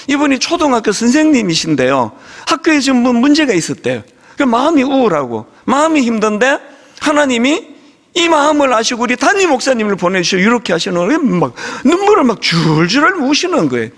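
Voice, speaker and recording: A middle-aged man, a senior pastor, preaching a sermon in a conversational, humorous storytelling way. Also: extremely high pitch. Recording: long hall reverb in a big sanctuary.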